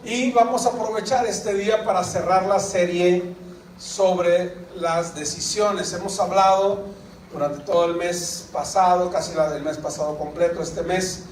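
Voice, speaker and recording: A man with a high voice preaches to his congregation, often asking questions and drawing replies from them. He sounds a little far from the mic, in a roomy church hall with a faint hum of people behind him. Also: fairly even intonation, unhurried. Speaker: pastor. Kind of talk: sermon. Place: church sanctuary. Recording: echoey church hall, picked up from a distance.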